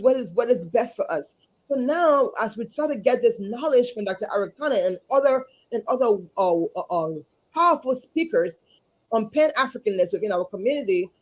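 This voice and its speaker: A woman from Liberia, speaking earnestly as a guest over a video call, often repeating words and pausing on fillers. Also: a little high, darkish tone. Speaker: guest, community advocate and chapter chair. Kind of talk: livestream interview.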